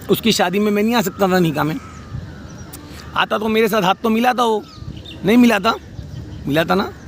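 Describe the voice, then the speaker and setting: Man, angry scolding rant, raised gravelly voice, faint traffic noise. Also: sits high. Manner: heated, scolding, insulting.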